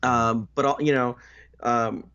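A man with a medium-pitched voice, trading dry jokes in a casual movie chat. He often stumbles and restarts mid-sentence. His recording sounds dull and slightly lo-fi. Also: steady tone, fairly bright tone, clear, resonant tone. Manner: dry, joking, with halting restarts. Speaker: podcast co-host.

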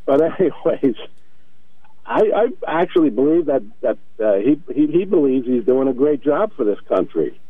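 A man calling a radio show over the phone, halting and repeating his words. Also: mid-range voice, big pitch swings, husky, dry recording. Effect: heard over a phone line. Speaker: caller. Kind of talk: radio call-in. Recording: tinny phone line.

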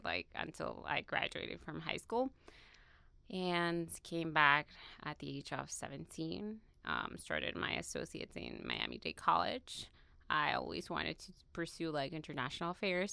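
Young woman from Peru, student interviewee; bright, lively delivery with gravelly fry. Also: low-pitched, dry recording. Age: young adult. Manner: chatty, many fillers, laughs often. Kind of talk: casual interview.

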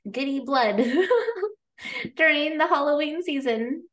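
A woman guest on a podcast, answering casually and informally in loose, halting phrases. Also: high voice, a bit bright. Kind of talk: casual conversational interview answers.

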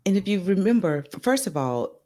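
A woman hosting an interview podcast, talking to her guest and audience in an animated, emphatic way, drawing out key phrases. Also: mid-range voice, fairly quick. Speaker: podcast host. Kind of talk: casual interview chat.

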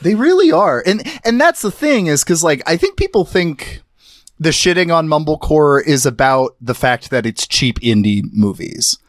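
A man's voice: a little high, big pitch swings, normal speed, dry recording, studio quality. A man appearing as a guest on a casual film podcast, talking in a thoughtful, analytical way as he builds up his points.

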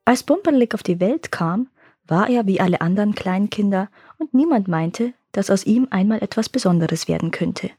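A woman reading a fairy tale aloud in a calm, lively storytelling manner that slows for suspense. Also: medium pitch, breathy edge, no room sound, clean studio sound.

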